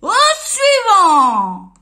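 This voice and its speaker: A woman voicing a loud, bellowing male shopkeeper who shouts every word. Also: extremely high pitch, wildly swooping pitch, very slow, full character voice.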